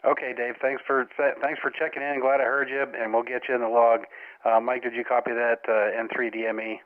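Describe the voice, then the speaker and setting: A man's voice: medium pitch, level tone, brisk. A man relaying messages casually as an amateur radio operator over a crackly walkie-talkie style link. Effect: crackly walkie-talkie style radio transmission. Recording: tinny narrow-band two-way radio, dry.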